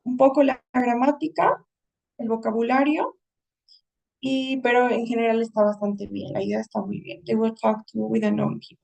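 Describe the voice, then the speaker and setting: A woman's voice: fairly high pitch, fairly even intonation, normal speed, gravelly, a little mellow, far from the mic, poor audio. A woman English teacher giving a writing lesson, explaining patiently and often checking in with her students.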